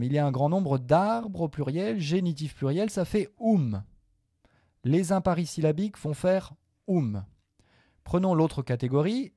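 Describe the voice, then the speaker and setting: A man teaching a Latin grammar lesson to viewers, patient and methodical, repeating each form slowly with small hesitations. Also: fairly high pitch, warm tone, dry recording, clean studio sound.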